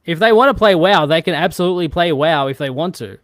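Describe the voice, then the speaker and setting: Lively, exasperated woman podcaster. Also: on the low side, fast talker, dry recording, studio quality. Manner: exasperated, swears a lot, laughs easily. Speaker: podcast co-host. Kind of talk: casual chat.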